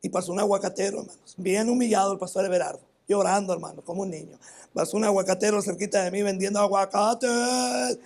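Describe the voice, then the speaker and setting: A man's voice: sits high, fairly even intonation, darkish tone. A pastor with a northern Mexican accent preaching a sermon in church, often calling the congregation "brother" and restarting his phrases. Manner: repeats "hermano" often, halting restarts. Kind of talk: sermon with personal testimony.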